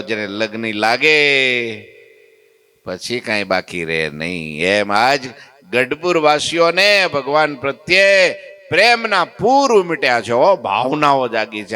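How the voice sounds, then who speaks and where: Man, temple preacher, devotional storytelling, animated, acts out dialogue, bright, crisp. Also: mid-range voice. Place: temple hall.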